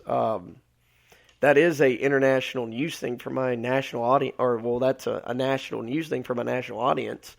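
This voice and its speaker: A man's voice: medium pitch, vocal fry. A man from Alabama, hosting a solo live podcast, losing his voice and rambling with many filler words. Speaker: podcast host.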